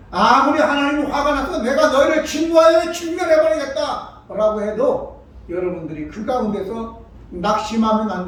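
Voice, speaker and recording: A male pastor preaching a sermon, emphatic, breaking into loud rises when he acts out quotes. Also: sits high. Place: church sanctuary. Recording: very echoey hall, mic far off, faint background noise.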